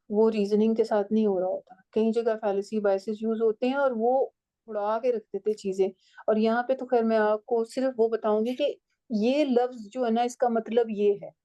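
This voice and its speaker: Woman teacher, mellow tone, slightly high voice, explains step by step, checks understanding. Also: low-quality recording. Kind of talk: online class teaching.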